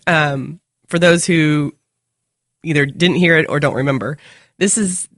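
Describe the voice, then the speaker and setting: A woman's voice: low-pitched, measured pace, fairly bright tone, no room sound, studio quality. A woman chatting casually as the co-host of a podcast. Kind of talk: casual chat.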